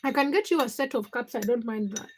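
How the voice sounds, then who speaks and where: Speaking fast in a fairly high voice, this Ugandan-accented woman chats casually as a livestream host. She addresses viewers in short, broken-up phrases, repeating many of them, and there's slight background noise.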